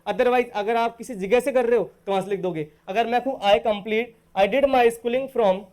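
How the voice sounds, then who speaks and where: The speaker is a man from Rajasthan, India, with an extremely high, somewhat mellow voice. In a recorded online spoken-English class, he patiently calls students "beta" and pronounces the English example phrases slowly.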